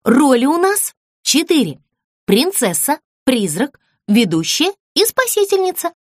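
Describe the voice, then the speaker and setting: A woman's voice: sits high, big pitch swings, unhurried, darkish tone, no room sound, clean studio sound, voice pushed up. A woman voicing a serious, strict girl doll who runs the rehearsal, firm and commanding.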